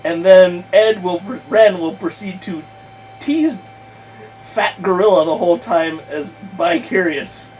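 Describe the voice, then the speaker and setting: A podcast guest host who serves as game master rambles casually about a tabletop game plan in a very high-pitched, slightly mellow voice. He speaks off the cuff, halting and correcting himself as he thinks aloud, and swears freely with a crude streak. The room recording is clearly noisy.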